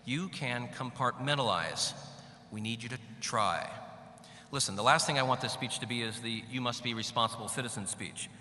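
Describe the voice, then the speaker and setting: A middle-aged man delivers a commencement address in a big hall, his voice ringing back with a long echo. His tone is very bright and forceful, cut with wry asides. A faint hum sits under the room. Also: medium pitch, moderate pace. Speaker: commencement speaker. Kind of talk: graduation speech. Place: large hall.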